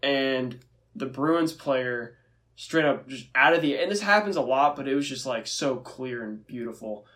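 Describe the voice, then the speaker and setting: A young man from the United States co-hosts a podcast in relaxed sports talk. His voice sits at an ordinary middle pitch for a man. He rambles along chattily and drops dry, sarcastic jokes. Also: a little slow. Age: young adult. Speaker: podcast co-host. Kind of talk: casual sports chat.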